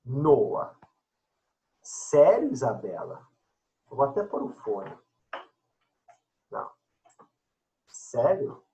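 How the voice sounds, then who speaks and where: A man's voice: medium pitch, sing-song, very slow, pauses often, mellow, poor audio. A man teacher chatting casually and joking with his students during an online class.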